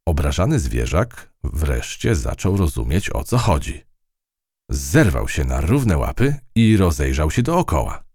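A man narrating a children's storybook in an expressive, unhurried way. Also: very deep voice, husky, dry recording, studio quality. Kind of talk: storybook reading.

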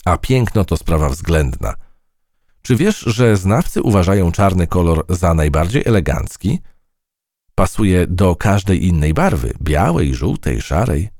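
A man voicing an excitable female fly with a squeaky, stammering voice, pitched far above his own. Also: unhurried, no room sound, studio quality, heavily acted. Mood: excited.

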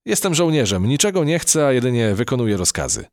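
A man's voice: medium pitch, sing-song, quick pace, no room sound, clean studio sound, voice pushed up. A man voicing an earnest, dutiful young male cockroach soldier in a storybook reading.

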